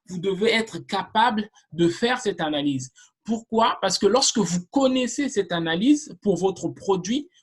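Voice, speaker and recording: A woman delivers an online marketing lesson at an unhurried, measured pace. Her pitch sits in an ordinary middle range, and she pauses on fillers and repeats words as she works through each point. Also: breathy edge. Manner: slow and deliberate, with frequent fillers and repetitions. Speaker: marketing instructor. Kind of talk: online course lecture.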